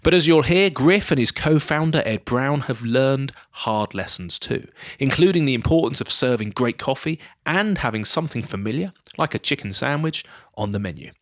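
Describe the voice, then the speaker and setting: A man's voice: mid-range voice, lively intonation, normal speed, roomy sound. A man hosting a podcast, reading his intro and then teasing his guest in a small room. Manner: warm, jokey, teasing interviewer. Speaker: podcast host. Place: small room in an office building.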